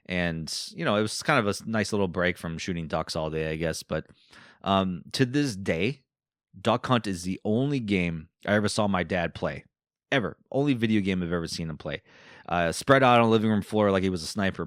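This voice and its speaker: A low-voiced man with an Eastern European accent hosts a solo podcast, recorded dry in studio quality. His talk is casual and rambling, full of fillers and side remarks.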